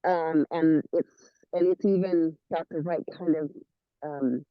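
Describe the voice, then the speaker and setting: A man's voice: on the high side, steady tone, no room sound. Casting: eager, rambling man on a muffled, dropping video call line, dry and dull sound. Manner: rambling, halting, full of restarts, eager. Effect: muffled, dropping video call stream. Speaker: fairy event organizer on a video call. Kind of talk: casual video call chat. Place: rural home.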